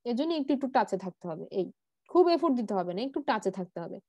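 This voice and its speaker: A woman's voice: fairly high pitch, sing-song, racing, a little mellow, dry recording, lo-fi sound. A woman teaching an Arabic grammar class online, patiently repeating word forms and answering her own questions, with English words mixed in.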